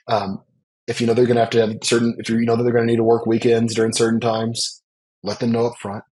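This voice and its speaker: Husky-voiced man, earnest podcast guest. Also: medium pitch, monotone, a little fast, a little mellow, low-quality recording. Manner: earnest, reflective, emphatic. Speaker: business leader guest. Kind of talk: podcast interview.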